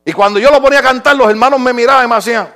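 A middle-aged man pastor delivering an impassioned sermon that swings from shouts to quiet. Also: very high-pitched, rapid-fire.

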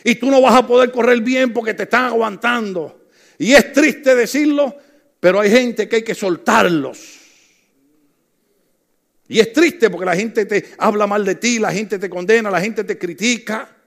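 A man's voice: high voice, unhurried, a bit bright. A middle-aged man preaching a sermon, telling funny stories and calling out to the congregation. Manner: humorous storytelling, calls out to the congregation. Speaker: pastor.

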